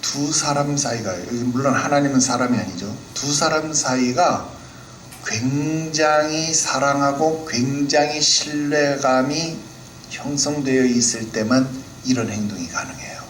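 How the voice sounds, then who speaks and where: A man's voice: medium pitch, moderate pace, hardly any pauses, slight background noise. Playful man preaching in an echoey hall. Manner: playful, animated, asks the congregation questions. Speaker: pastor. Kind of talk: Sunday sermon. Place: church hall.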